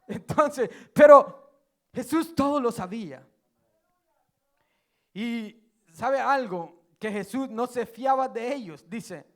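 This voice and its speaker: A male preacher delivers a sermon in a church. His voice sits unusually high for a man. He retells scripture as lively storytelling and slips in joking asides. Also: slow pace, pauses often.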